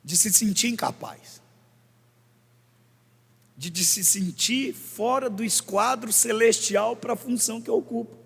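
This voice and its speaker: A pastor preaching a sermon in church on a body-worn microphone, animated and joking with the congregation. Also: male voice, high voice, a little slow, vocal fry, pauses often, slightly rough. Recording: long church reverb.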